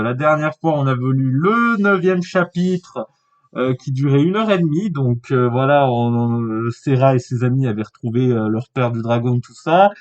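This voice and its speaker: A tired man reading a fan novel aloud, stopping often for rambling, filler-heavy asides. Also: on the high side. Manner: rambling, many fillers and restarts. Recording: dull lo-fi mic.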